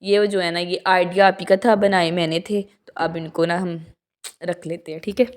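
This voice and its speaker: A woman's voice: lowish voice, flat delivery, normal speed. A young woman from Pakistan telling a rambling, chatty story as a vlog voice-over, tired from talking so long. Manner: rambling and chatty, with frequent restarts and asides. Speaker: vlogger.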